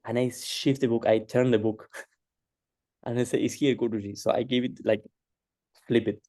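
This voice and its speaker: A man telling a personal story in a casual way, halting often with fillers and restarts. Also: medium pitch, little pitch movement, warm tone, no echo, clean studio sound.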